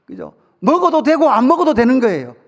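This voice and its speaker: A male pastor preaches in a fairly high voice, drawing the congregation in with questions and humorous stories. His voice rings through a church sanctuary with a long reverb tail. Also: huge pitch swings, fairly quick, a bit bright. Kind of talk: sermon.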